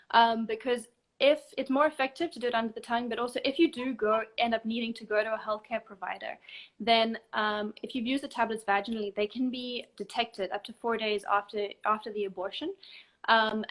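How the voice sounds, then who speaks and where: A woman, a guest counsellor explaining procedures calmly and step by step in a live online chat. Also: a little high. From South Africa. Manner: calm, methodical step-by-step explaining. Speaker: abortion help desk counsellor, guest expert.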